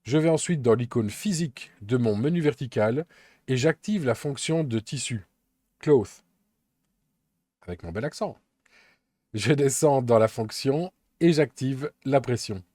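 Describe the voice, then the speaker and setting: A man calmly narrating a step-by-step software tutorial, explaining each action as he works, with an occasional filler. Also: medium pitch, normal speed, dry recording, clean studio sound. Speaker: Blender tutorial instructor.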